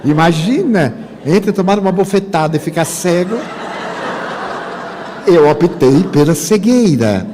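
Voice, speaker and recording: An older spiritist speaker with a Bahian Brazilian Portuguese accent gives a lecture full of humorous anecdotes, telling them animatedly and acting out the dialogue. His voice is high-pitched and unhurried, with slight background noise and a long hall reverb.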